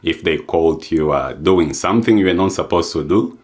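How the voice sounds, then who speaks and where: A young adult man from Uganda giving a reflective personal testimony, unhurried, with frequent fillers and restarts. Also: deep voice, darkish tone. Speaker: adoptee sharing experience.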